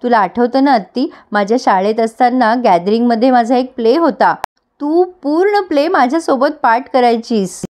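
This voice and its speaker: Woman doing a coaxing young wife, clever and affectionate, fairly high voice, retold soap scene. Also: darkish tone, natural voice.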